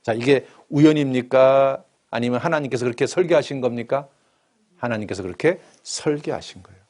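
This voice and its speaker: A man preaching a sermon in church, talking in an animated way and keeping the congregation involved with questions. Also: medium pitch, fairly quick.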